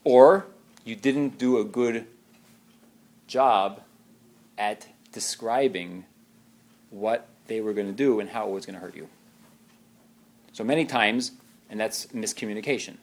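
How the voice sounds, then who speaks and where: A man giving an informal religious talk, animated and given to restarts, acting out the voices he quotes. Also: fairly low pitch, measured pace, long pauses.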